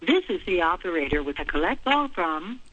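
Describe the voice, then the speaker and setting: A man's voice: sits high, very animated, brisk, sharp tone. A man's voice in a recorded payphone collect-call operator message over a phone line, formal and clipped. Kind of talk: automated operator announcement.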